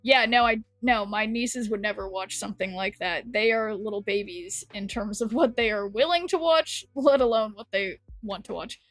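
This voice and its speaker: A woman's voice: medium pitch, normal speed, hardly any pauses, a bit bright, no room sound, soft background music. A woman chatting casually on a live game stream, rambling and answering chat, her voice worn from talking. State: losing her voice.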